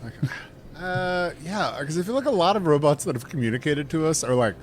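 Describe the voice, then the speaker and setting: A man's voice: fairly high pitch, animated, moderate pace, slight background noise. A man playing a tabletop game, joking and laughing often. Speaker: player. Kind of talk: casual game table chat.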